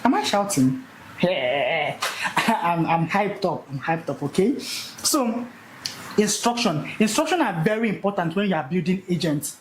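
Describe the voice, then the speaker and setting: Young man, energetic classroom teacher, repeats key points, echoey room recording, faint background noise. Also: high-pitched, moderate pace. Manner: animated, repeats key words for emphasis. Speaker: speaker teaching a live session.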